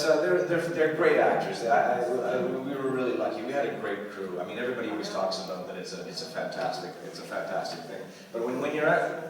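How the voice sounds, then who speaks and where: Here a guest actor from Canada takes audience questions at a convention panel, his talk meandering, full of repeated words and frequent laughter. His voice is on the low side. A distant mic picks him up across a large, echoey hall with crowd noise around him.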